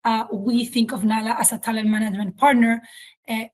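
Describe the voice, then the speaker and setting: A company chief executive, a woman whose first language is Spanish and who has a Chilean accent, hosts a webinar presentation, explaining things informally with hesitant phrasing. Her voice is fairly high and darkish in tone, with fairly even intonation and a slightly fast pace.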